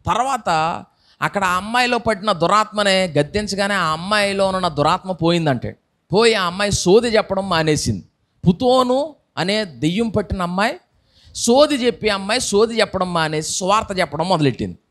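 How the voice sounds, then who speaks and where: High-voiced man preaching a lively sermon. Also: moderate pace. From India. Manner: lively preaching with acted-out voices and rhetorical questions. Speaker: pastor. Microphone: microphone.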